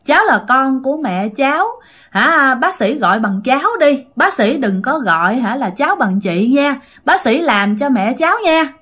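A woman's voice: high voice, animated, moderate pace, fairly bright tone. A woman voicing a pleading child spirit of about six or seven. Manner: pleading, repetitive.

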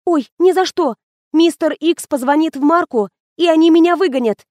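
A woman's voice: very high voice, moderate pace, darkish tone, dry recording, clean studio sound, pitched above the performer's own voice. A woman reading the part of a flustered young woman writer who bursts out in exclamations. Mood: agitated. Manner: exclaiming, tearful.

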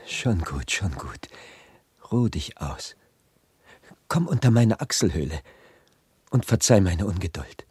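An actor playing a gentle, sorrowful male prince statue in a radio play, speaking slowly and tenderly with a husky, gravelly voice. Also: deep voice, big pitch swings, no room sound, heavily acted. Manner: slow, tender and earnest.

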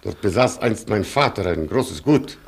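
In a German radio play, a male actor fully plays a haughty, stubborn cavalry colonel. His husky, fairly low voice moves at a measured pace but stays animated, delivering lines in a pompous, clipped, condescending and disdainful manner.

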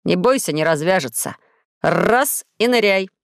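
Storybook role: playful boastful alien boy, lower and dry, read by a woman. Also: animated, normal speed, creaky, dry recording. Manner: sly and boastful. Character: cheerful blue-faced alien boy inventor, playful.

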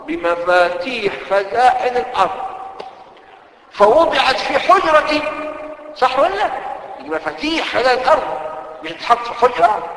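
High-voiced Egyptian preacher in an echoing hall. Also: male voice. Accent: Egyptian Arabic. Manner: lively, rhetorical questions to listeners. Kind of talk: sermon. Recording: echoey hall with long reverb.

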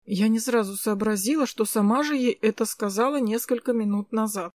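A woman's voice: a little high, brisk, a little mellow, dry recording. A woman narrating a first-person novel audiobook close to the mic.

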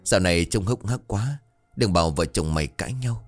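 Man playing a cold scolding old mother, deep low voice, blunt. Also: expressive, fairly quick, faint music behind. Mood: stern. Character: stern, cold older mother-in-law.

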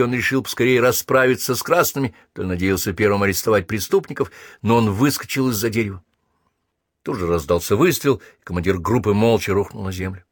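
A man reading a first-person story aloud as an audiobook narrator, measured and even. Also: fairly low pitch, no room sound, studio quality.

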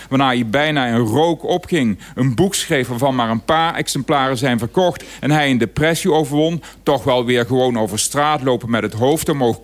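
A man reading a written radio column aloud, dry and ironic in manner. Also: medium pitch.

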